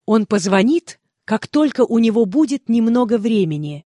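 A woman repeating example sentences calmly and carefully for a language course. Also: fairly high pitch, moderate pace, no echo. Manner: calm, careful enunciation. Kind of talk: scripted phrase reading.

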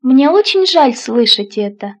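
A woman reading Russian phrasebook lines one at a time, in a clear, measured way. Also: sits high, sing-song.

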